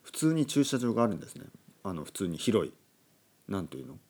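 A man from Oita, Japan, hosting a relaxed solo talk for learners, explaining slowly and glossing words in English. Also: on the low side, husky. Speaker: podcast host. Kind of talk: casual monologue for Japanese learners. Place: indoors at a table.

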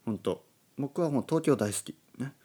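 A man from Oita, Japan, hosting a relaxed solo talk for learners, explaining slowly and glossing words in English. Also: medium pitch, slightly rough. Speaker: podcast host. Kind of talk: casual monologue for Japanese learners. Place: indoors at a table.

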